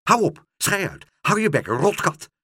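Earnest, fretful little boy from a children's storybook, voiced by a male reader; husky, dry and very lively. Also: medium pitch, moderate pace, no room sound. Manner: earnest, easily upset.

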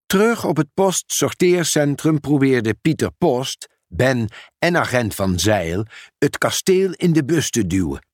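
A man reading a children's storybook aloud in a measured, expressive way. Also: medium pitch, no echo, clean studio sound. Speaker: narrator.

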